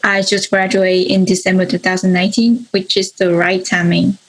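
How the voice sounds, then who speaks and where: A woman's voice: on the low side, little pitch movement, normal speed, low-quality recording. A young woman from Vietnam, a recent graduate, introducing herself politely and cheerfully on a video call. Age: young adult. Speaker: alumna, panelist.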